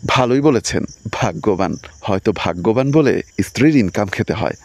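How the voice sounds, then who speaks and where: A man's voice: on the low side, expressive, moderate pace. A man voicing a bitter, withdrawn husband who answers curtly and with irony. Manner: curt, bitter.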